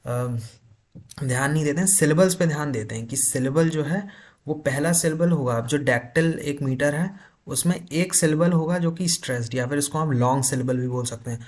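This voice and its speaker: A man teaching literature for an exam, explaining in Hindi with terms and reading notes slowly. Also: mid-range voice. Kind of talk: exam-prep lecture.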